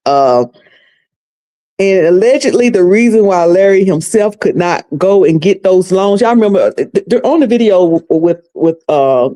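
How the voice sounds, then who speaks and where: This commentary livestream host is a Southern-accented woman from North Carolina whose voice sits on the low side with a dark tone. Chatty and folksy, she runs a casual recap stream and addresses her viewers as y'all and sugar.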